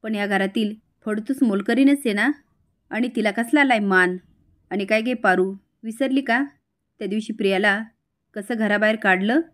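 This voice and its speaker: A woman's voice: mid-range voice, moderate pace, fairly bright tone, close to an everyday voice. A woman voicing a haughty, scheming young woman who speaks scornfully to the household staff in a retold TV serial.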